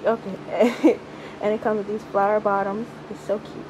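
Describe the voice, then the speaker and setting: A woman's voice: medium pitch, little pitch movement, moderate pace. A young woman talks casually at home on a family vlog, her voice scratchy from the morning. She is chatty and laughs often as she shows off outfits and packing. Faint noise sits behind her voice. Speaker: family vlogger.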